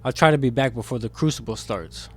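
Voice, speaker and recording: A man with a mid-range, slightly breathy voice speaks quickly in a lightly acted audio drama role. He plays a guarded, conscience-stricken demon insider who smuggles secrets to a captive, coming across as earnest and defensive. The mood is discreet and earnest.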